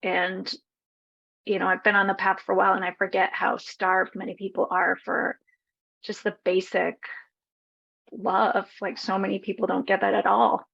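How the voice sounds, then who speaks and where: Woman healer, very gravelly and husky, flat reflective testimonial, muffled recording. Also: medium pitch, normal speed. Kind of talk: personal testimonial. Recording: dull lo-fi recording.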